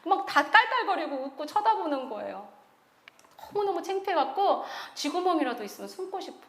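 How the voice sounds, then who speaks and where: A woman's voice: very high-pitched, a little fast, echoey room. A woman missionary telling her testimony at a church meeting, acting out scenes and laughing as she talks. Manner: animated storytelling, acting out her past self with laughter. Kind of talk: testimony sermon with acted quotes.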